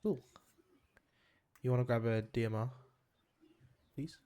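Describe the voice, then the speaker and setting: A man's voice: medium pitch, a little slow, clean tone. A man leading his squad in a military game, giving a casual mission brief over voice chat with plenty of ums and uhs. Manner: relaxed, chatty, lots of ums and uhs.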